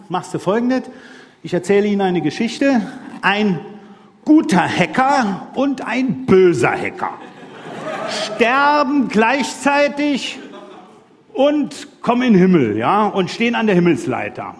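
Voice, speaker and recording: A man's voice: sits high, long reverb tail. A man giving a playful, chatty stage talk to a live audience. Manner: playful, chatty storyteller, chuckles often. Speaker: speaker at a live event. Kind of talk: anecdotal stage talk with props.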